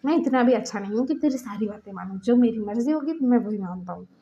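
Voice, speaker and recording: A woman voicing a calm young man who coaxes his angry lover in a slow, low voice. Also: lo-fi sound, slight background noise. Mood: casual teasing.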